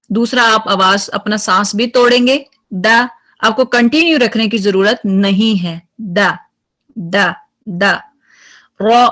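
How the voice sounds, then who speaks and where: Woman Quran recitation teacher, high-ish voice, slow delivery, drilling single letter sounds. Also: a bit bright. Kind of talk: online tajweed lesson.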